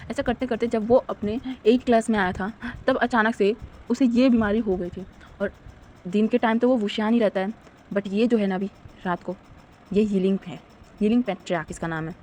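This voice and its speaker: Give me a woman playing a gentle, worried mother, calming and patient. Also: mid-range voice, slight background noise, close to an everyday voice. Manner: pleading, explaining gently. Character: worried, soothing middle-aged mother.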